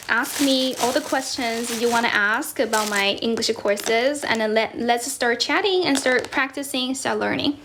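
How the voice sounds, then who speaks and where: Chatty young Chinese woman, fairly high voice. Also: a bit bright. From China. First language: Mandarin Chinese. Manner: chatty and teasing, switching between languages mid-sentence. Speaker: online English tutor. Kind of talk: casual livestream chat answering comments. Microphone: phone.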